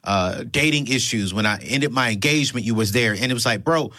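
A podcast host from Darlington, South Carolina, leads a casual conversation and cheers his guest on with animated, encouraging interjections. His voice sits at medium pitch and moves a little fast, recorded with studio quality and no room sound.

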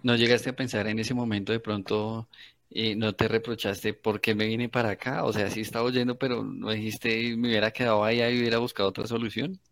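A male interviewer with a low, flat voice, recorded dry and close. He asks long, hedging questions padded with fillers and restarts. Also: fairly quick, no echo. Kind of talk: conversational interview.

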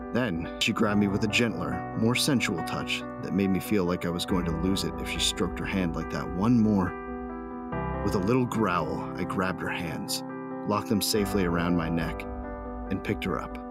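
In an audio drama, a man voices a passionate, lovestruck space bounty hunter, narrating in an intimate, earnest way. His voice sits low and his pace is moderate and natural, with loud music playing behind him.

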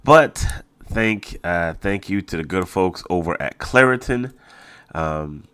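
A man's voice: deep voice, animated, slow, fairly bright tone, clear, resonant tone, no echo. A man hosting a casual solo sports podcast, a little nasal and congested, talking informally and repeating phrases for emphasis. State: mildly congested from allergies. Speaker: podcast host.

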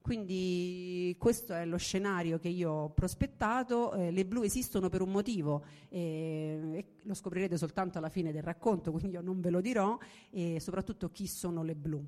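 Woman reading in a reverberant room. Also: fairly low pitch. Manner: measured, steady storytelling. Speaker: reader. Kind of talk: reading a science fiction story aloud.

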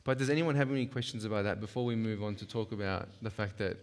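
A lowish-voiced man who talks fast teaches a church workshop in a casual, emphatic manner, pausing often for rhetorical check-ins with his listeners. The hall lends his voice a long reverb.

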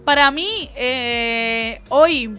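Young Argentine woman, co-host, bright high voice, emphatic, faint music behind. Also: very slow, clean tone. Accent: Argentine Spanish. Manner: lively, emphatic, eager to agree. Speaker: podcast co-host. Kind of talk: casual chat.

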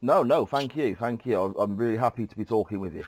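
Sounding stuffed up from a cold, a male podcast host keeps his casual interview chatty and courteous, with plenty of ums. His mid-range voice moves fast and is a little mellow, with no room sound.

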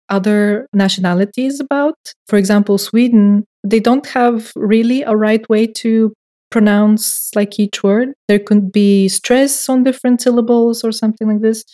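In a podcast interview, a young woman who works as director of records and research chats in warm, medium-pitched, normally paced English. She is a non-native speaker with a Bulgarian accent, and her phrasing is hesitant and thoughtful, broken by small laughs.

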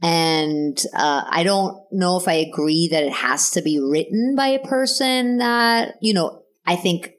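Low-voiced woman in casual chat. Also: measured pace, hardly any pauses. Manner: laughs easily, trails off with ums and restarts. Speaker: actor and comedian guest. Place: indoor podcast studio.

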